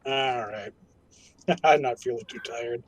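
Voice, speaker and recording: A man's voice: medium pitch, unhurried, slightly rough, low-quality recording. A man talking casually as a player in a tabletop game.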